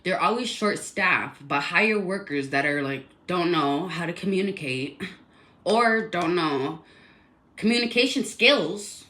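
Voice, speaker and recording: A woman's voice: lowish voice, animated, unhurried, bright, forceful tone. A woman telling a personal complaint story in a casual, rambling, indignant way, full of fillers.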